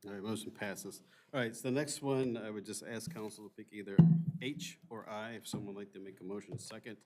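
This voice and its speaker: A man serving as mayor, chairing a city council meeting, reading motions and legal sections aloud in a brisk, formal way. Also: on the low side, steady tone, soft background music. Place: council chamber.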